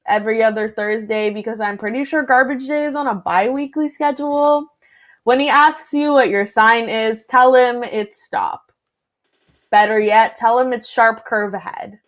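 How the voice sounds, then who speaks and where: A woman performing spoken word poetry at a slam, with a punchy, sardonic delivery that drops sharply on each punchline. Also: a little high. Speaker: slam poet.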